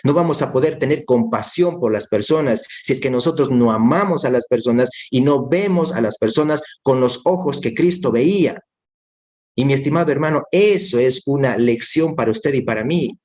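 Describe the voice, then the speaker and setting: A man's voice: medium pitch, moderate pace, a little mellow. Earnest male preacher delivering a sermon. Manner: earnest, repeats key phrases for emphasis; addresses listener directly as brother.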